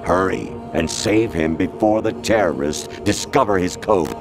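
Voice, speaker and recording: In dramatic video game voice acting, a man with a low voice and moderate pace plays a stern older military colonel giving a briefing. He's commanding, clipped and formal but eerily erratic, sliding into rambling non sequiturs, with loud music playing behind him.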